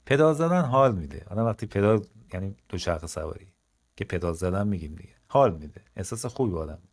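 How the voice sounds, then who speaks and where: A Persian-speaking man teaching French, saying the example sentences slowly and clearly and chatting quickly between them. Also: low voice, expressive. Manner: slow, deliberate French model sentences, quick casual Persian asides. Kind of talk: language lesson, explaining in Persian.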